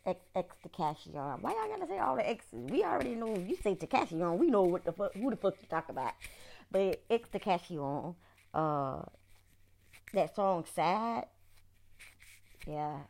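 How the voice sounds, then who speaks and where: Gravelly woman ranting bluntly. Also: on the low side. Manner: blunt, profane, venting with bursts of laughter. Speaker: podcast host ranting. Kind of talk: casual ranting monologue.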